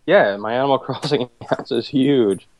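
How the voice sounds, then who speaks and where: A man's voice: mid-range voice, normal speed, a little mellow. A man co-hosting a casual gaming podcast over a video call, talking in an easygoing, rambling way with lots of fillers. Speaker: podcast co-host.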